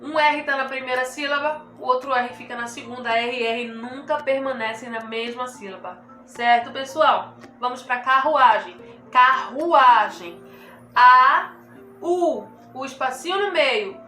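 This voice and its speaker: Bright-voiced teacher in an echoey room. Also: female voice, sits high. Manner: slow, drawn-out emphasis on key words; keeps checking in with the pupils. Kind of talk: remote grammar lesson for children. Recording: echoey room with faint music.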